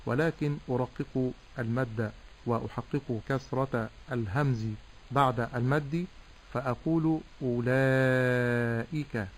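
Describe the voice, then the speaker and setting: A man teaching correct Quran recitation, explaining pronunciation slowly and drawing out vowels to demonstrate. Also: medium pitch, low-quality recording. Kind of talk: tajweed lesson with recitation.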